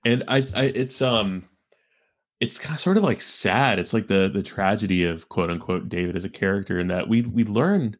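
A man with a deep, low voice chatting on a film podcast. His speech is halting, full of restarts and repeated words. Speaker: podcast co-host. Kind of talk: casual film discussion.

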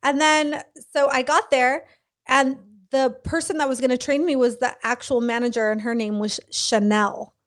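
Young woman, high voice, animated storyteller who does voices. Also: normal speed. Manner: animated, laughing, acts out quoted people. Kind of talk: casual storytelling chat.

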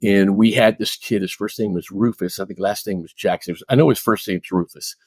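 A man's voice: lowish voice, steady tone, brisk, a little mellow, slightly rough, no echo. A middle-aged man, a coach and mentor, speaking earnestly in an interview, stressing points with repetition. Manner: earnest, emphatic, repeating for weight. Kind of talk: interview storytelling.

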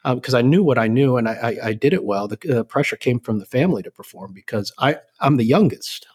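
Relaxed rambling older man, interview guest. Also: mid-range voice, fast talker, slightly rough. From El Salvador. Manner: relaxed, rambling with many ums and restarts. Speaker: guest, company president. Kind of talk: casual interview chat.

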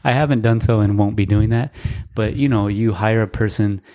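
A man's voice: fairly low pitch, moderate pace, mellow. A man co-hosting a casual podcast, talking in a laid-back, dry, rambling way with fillers. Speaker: podcast co-host. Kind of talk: casual chat.

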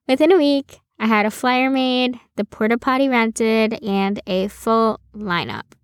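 A woman hosting her own podcast, reading a scripted personal story in a slow, deliberate storytelling manner. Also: on the high side, no echo, clean studio sound. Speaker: podcast host.

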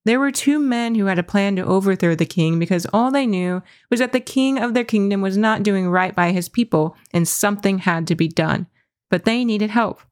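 A woman reading a dream story aloud in a measured, reflective way, then musing on what it means. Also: mid-range voice, darkish tone, no echo, clean studio sound.

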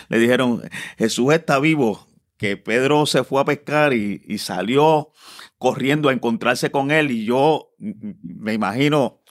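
Slow, halting man giving a Bible talk. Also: mid-range voice. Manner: slow and halting, with many pauses and restarts. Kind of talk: devotional talk with Bible reading.

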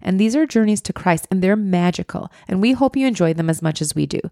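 A woman co-hosting a casual faith podcast, retelling a parable with lively, playful character voices. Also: mid-range voice, quick pace, gravelly, no room sound, studio quality. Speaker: podcast co-host.

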